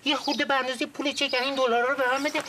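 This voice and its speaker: A scheming young man, pleading, high-voiced, noisy outdoor sound. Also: flat delivery, pushed and bright. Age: young adult. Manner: pleading, excuse-making.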